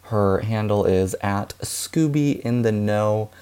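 A man hosting a podcast and wrapping up the episode in a relaxed, chatty way with lots of fillers and laughs. He says he is losing his voice. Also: on the low side, slow. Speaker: podcast host. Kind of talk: casual podcast chat and outro.

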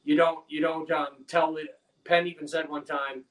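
A man speaking a touch higher than most men, heard from a little way off the microphone. He tells stories with earnest energy, talking about faith and his craft in a relaxed conversation. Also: moderate pace, recorded from a distance, poor audio. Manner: animated storytelling, earnest.

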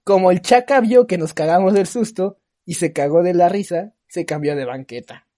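A young man with a Mexican accent telling stories on a podcast, animated and swearing, teasing his friends. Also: high voice, moderate pace. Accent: Mexican Spanish. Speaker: podcast co-host. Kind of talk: casual storytelling chat.

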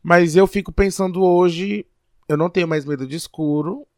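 A man's voice: high voice, steady tone, normal speed, dry recording, studio quality. Reflective man. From Piauí, Brazil. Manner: reflective, hesitant, thinks aloud. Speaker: podcast co-host. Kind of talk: casual podcast chat.

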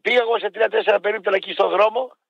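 A man's voice: sits high, steady tone, vocal fry, fairly bright tone, dull audio. A man co-hosting a sports radio show, grumbling wryly and repeating his points in casual banter. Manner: grumbling, wry, repeats himself.

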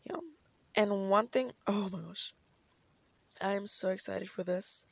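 Bubbly young woman with crackly vocal fry. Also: mid-range voice, fairly even intonation, unhurried, no echo. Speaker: podcast host. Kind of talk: casual solo podcast chat.

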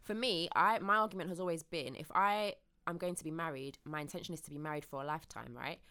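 A woman's voice: sits low, sharp tone, clear, resonant tone. A woman, co-hosting a casual podcast chat and arguing her point earnestly. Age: 20s. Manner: earnest, questioning, quick. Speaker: podcast co-host.

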